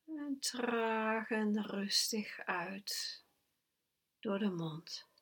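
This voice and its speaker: A woman guiding a breathing meditation, with slow, soft, calm instructions that at times sink to a whisper. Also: medium pitch, husky. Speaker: meditation guide.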